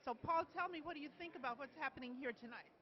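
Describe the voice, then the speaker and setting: A woman interviewing guests at an event, asking soft, encouraging questions. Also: high-pitched, fast talker. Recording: muffled lo-fi video sound.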